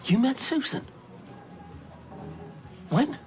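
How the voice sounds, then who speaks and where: A woman's voice: high-pitched, lively intonation, extremely slow, music in the background, exaggerated voice. An actress playing a bitter, grieving mother in a TV soap, cutting and sarcastic. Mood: accusing. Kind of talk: television soap drama.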